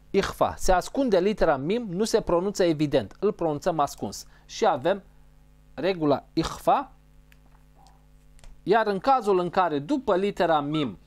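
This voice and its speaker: A man's voice: on the high side, a little mellow. A man teaching a lesson on recitation rules, explaining step by step, repeating key terms and sounding out letters as examples. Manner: models Arabic sounds mid-sentence.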